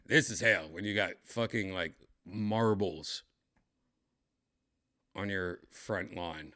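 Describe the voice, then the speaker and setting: A tipsy comedian hosts his livestream, chatting and rambling in a raspy, dry-throated voice and clearing his throat often. He talks slowly in a low voice that sounds pushed and bright.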